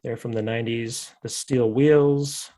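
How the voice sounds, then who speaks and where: This man hosts a podcast out of Fargo, North Dakota, and his casual talk wanders along in a relaxed, joking manner. He speaks at a measured pace with a medium pitch, a steady tone and a dark timbre.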